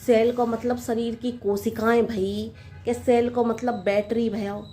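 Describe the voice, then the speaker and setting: A woman's voice: fairly high pitch, little pitch movement, measured pace, warm tone, faint music behind, lightly acted. A woman doing a naive village daughter-in-law. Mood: explaining. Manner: rustic village speech, coaxing and simple. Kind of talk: comic sketch acting.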